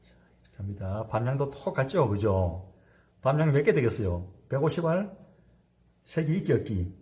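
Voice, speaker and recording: A man's voice: medium pitch, sing-song, normal speed, a little mellow. A man in his fifties, a cooking instructor giving a hands-on sushi demonstration, chatty and constantly asking his class to agree.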